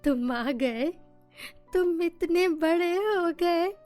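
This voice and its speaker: A woman's voice: extremely high pitch, a little mellow, faint music behind, pitched above the performer's own voice, full character voice. Woman doing a tearful old captive mother. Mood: tearful joy. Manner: slow, pleading and emotional. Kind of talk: cartoon storybook voice acting.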